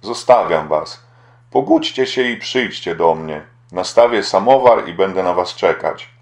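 A man's voice: sits low, lively intonation, a little slow. A man reading the part of a middle-aged aunt who coaxes and lectures the young pair. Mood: coaxing. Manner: coaxing, lecturing. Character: coaxing meddling aunt, middle-aged woman.

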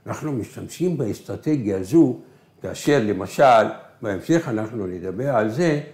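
A male teacher whose first language is Arabic gives a recorded grammar lesson. He asks questions and answers them himself, slowing down on key words. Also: fairly low pitch, expressive, a little mellow. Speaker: Hebrew teacher. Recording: echoey room.

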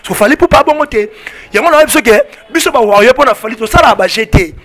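High, bright-voiced Congolese man, fiery. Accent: Congolese French with Lingala. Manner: emphatic, rapid French-Lingala mixing, repeats "on se comprend". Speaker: fan club spokesman. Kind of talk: heated interview answers. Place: outdoor porch of a building. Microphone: handheld mic held by interviewer.

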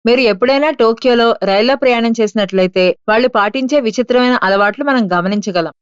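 Smooth, fairly high woman narrator. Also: fast, no echo, muffled recording. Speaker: audiobook narrator. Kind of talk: scripted audiobook narration.

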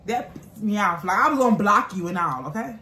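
A woman's voice: mid-range voice, lively intonation, brisk, bright, forceful tone. A woman in her thirties chatting casually as a vlogger, blunt and emphatic, sassy in how she answers viewer comments. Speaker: vlogger and mukbang host. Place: indoors, small bare-walled room at home. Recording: roomy echo, faint background noise.

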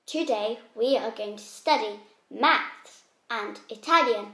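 Very slow, high-voiced woman playing a teacher. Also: fairly bright tone. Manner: slow, clear and patient, with mock-strict outbursts. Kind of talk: playful scripted classroom skit for children. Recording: roomy echo.

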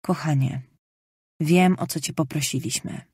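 A woman voicing a loving, gentle mother who tenderly reassures her daughter, in an audiobook reading. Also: deep voice, a little slow, husky, dry recording, clean studio sound, heavily acted.

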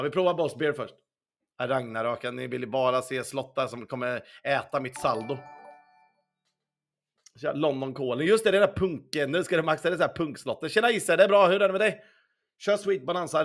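A man's voice: a little high, lively intonation, a bit bright. A young man streaming casino games, chatting casually with his viewers, swearing often and humming along to the music. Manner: answers viewer chat as he plays. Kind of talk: casual livestream chat. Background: faint music.

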